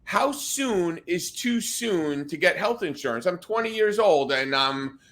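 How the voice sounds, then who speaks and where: Chatting loosely with a guest on his podcast, the host repeats himself, restarts often, and teases playfully. He speaks at a measured pace in a high, animated, slightly bright voice.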